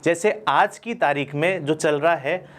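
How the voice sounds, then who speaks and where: A man's voice: fairly high pitch, unhurried. A man with an Indian accent teaching a spoken English class, explaining step by step and answering his own questions. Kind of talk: classroom lesson in Hindi.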